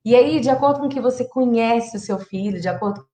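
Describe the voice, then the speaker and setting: A woman's voice: a little high, a little fast, mellow, roomy sound. A Brazilian woman in her thirties, a psychologist giving parenting advice on a live stream in a chatty, direct way. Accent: Brazilian Portuguese. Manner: chatty and direct, acts out sample phrases to children.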